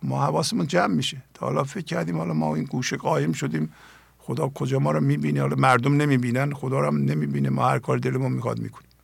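A man's voice: fairly high pitch, steady tone, creaky, slightly rough, no echo. An older man, a spiritual teacher hosting his own program, giving an earnest talk on poetry and asking his listeners many pointed questions.

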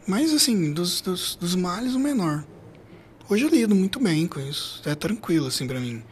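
A middle-aged Brazilian man with a hoarse, gravelly voice, telling a personal story as an interview guest in a halting, emphatically repetitive way. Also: high voice, very animated, slight background noise. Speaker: podcast guest.

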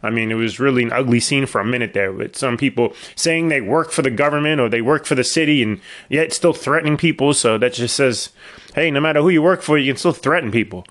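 A middle-aged man runs his own podcast alone, talking casually and at a fast clip. His fairly bright, mid-range voice, a little worn after being ill, carries long rambling stories laced with wry asides.

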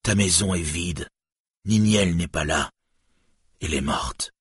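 Man playing a bitter, anguished storybook cripple, low husky voice. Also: measured pace, a bit bright, no room sound, clean studio sound, full character voice. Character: lame man, bitter, grief-stricken.

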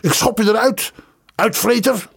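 Guy putting on a screechy old dad losing it, way high, yelling, kinda gravelly. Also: measured pace, exaggerated voice. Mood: raging. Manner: shrieking, furious ranting. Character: raging miserly old father, tyrant.

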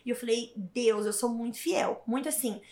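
Woman, interview guest, emphatic and animated, echoey room. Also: on the high side, moderate pace. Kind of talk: casual interview storytelling. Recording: roomy echo.

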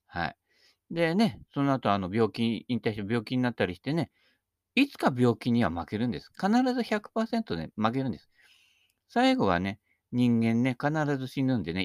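An older man talks in a chatty, rambling, self-deprecating way, with the speech of someone missing front teeth. His fairly low voice swings widely in pitch. The recording is dry and close, and he delivers a casual, humorous monologue. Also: dry recording. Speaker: speaker giving talks on Buddhist sayings.

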